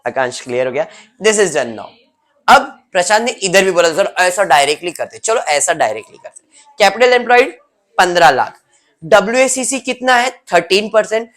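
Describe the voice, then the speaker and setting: A man's voice: high voice, expressive, normal speed, a bit bright. A male teacher gives a classroom lecture, explaining step by step and teasing students by name.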